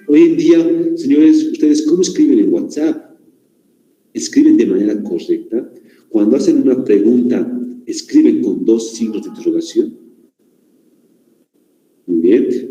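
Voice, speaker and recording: Low, dark-voiced male teacher lecturing. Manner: questioning, checks in with listeners often. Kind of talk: classroom lecture. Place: classroom. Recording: echoey room.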